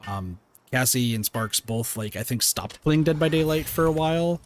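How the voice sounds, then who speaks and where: During a game stream, a man with a soothing, medium-pitched voice chats with viewers at a moderate, animated pace, with a little hiss or hum in the audio. He rambles through fillers and restarts and swears mildly from time to time.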